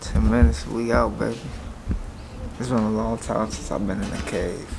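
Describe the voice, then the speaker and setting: A man's voice: on the low side, fairly even intonation, normal speed, vocal fry, background noise. A man vlogging in casual, slangy, joking talk. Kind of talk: casual vlog chat. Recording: loud crowd chatter around him.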